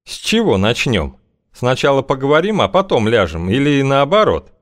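A man's voice: medium pitch, very animated, moderate pace, voice pushed up, natural voice. A man reading an audiobook, voicing a guarded, evasive wanderer with a dry, wry way of talking.

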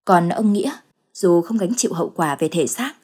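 A woman storyteller giving a measured, dramatic scripted narration of a ghost story. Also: on the low side, expressive, darkish tone, slightly rough.

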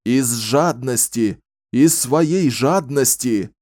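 A man's voice: medium pitch, steady tone, moderate pace, dark tone, no room sound, studio quality, pitched above the performer's own voice, lightly acted. An actor playing an impassioned male orator who harangues a crowd, pleading and declaiming. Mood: fervent.

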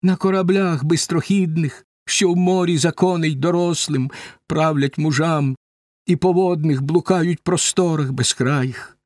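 A man voicing a grieving middle-aged queen in a lamenting verse reading, raised high above his own voice. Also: a little slow, no echo, clean studio sound. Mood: anguished.

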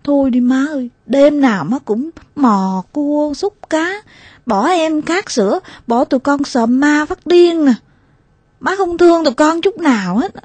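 A woman voicing a frightened, upset little country girl who calls out in a high, crying, pleading voice. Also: animated, unhurried, darkish tone, no echo. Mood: reproachful.

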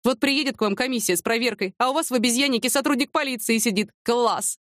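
A woman's voice: fairly high pitch, fast, fairly bright tone, no echo, clean studio sound, pitched above the performer's own voice, lightly acted. A woman reading as a sarcastic police colonel. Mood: mocking. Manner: sarcastic, teasing. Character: mocking gruff middle-aged police colonel.

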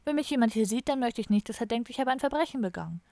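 A woman's voice: fairly high pitch, lively intonation, racing, warm tone, no echo. A woman voicing a cheerful, idealistic young hippie man who rambles on in a chatty, dreamy way. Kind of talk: audiobook character voice.

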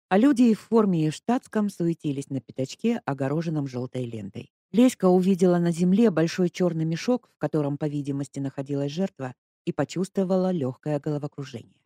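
Expressive narrator, mid pitch, dry close recording. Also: brisk, no echo. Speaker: audiobook narrator. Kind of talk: scripted narration.

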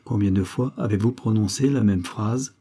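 Ironic young woman voiced by a man, mocking, poised, raised pitch, husky. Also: normal speed, mellow. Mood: teasing.

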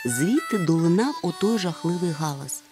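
A woman narrating a children's storybook in an even, measured reading. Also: on the low side, over music. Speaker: audiobook narrator.

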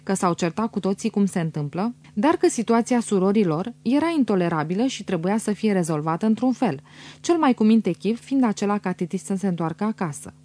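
A woman reading a novel as an audiobook in an even, measured way. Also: medium pitch. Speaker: audiobook reader. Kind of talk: scripted audiobook narration.

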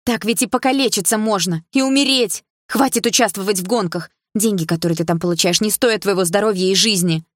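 A woman's voice: mid-range voice, dry recording, studio quality, pitched above the performer's own voice, natural voice. A woman voicing an anxious, bossy young female friend who fires off worried questions and scolds. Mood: scolding. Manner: agitated, scolding, fast questions.

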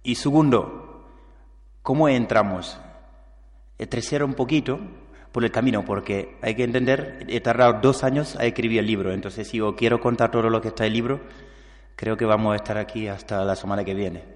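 Low-voiced man from Senegal in a hall. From Casamance, southern Senegal. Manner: halting, searching for words, frequent restarts. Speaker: invited speaker telling his migration story. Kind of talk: public talk, personal testimony. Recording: long hall reverb.

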